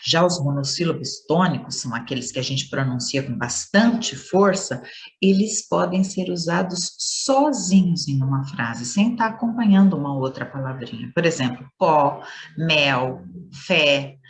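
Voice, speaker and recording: A woman's voice: on the low side, a little mellow. A woman teacher giving a playful lesson to schoolchildren, stretching words and leaning hard on stressed syllables.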